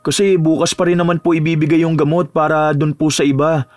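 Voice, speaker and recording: A man's voice: a little high, level tone, brisk, a little mellow, close to an everyday voice. A man playing a polite young male student who pleads and then answers back with indignation. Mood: pleading. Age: young adult.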